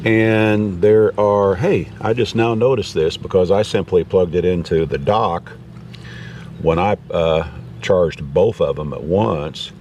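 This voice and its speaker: His voice is low, slow and darkish as he casually reviews gear without a script, wandering along in a folksy manner. The recording comes from a distant mic with noise in the background.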